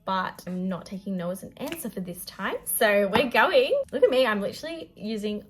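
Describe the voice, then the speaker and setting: A woman's voice: medium pitch, expressive, fairly quick. A young adult Australian woman chatting casually through a makeup vlog in a bubbly, gushing, slangy sorority-girl manner. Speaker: beauty vlogger.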